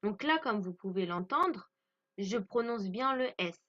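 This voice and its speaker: A woman's voice: mid-range voice, expressive, unhurried, a bit bright, lo-fi sound. A woman from France teaching English grammar to French speakers, patiently stressing pronunciation and repeating each point.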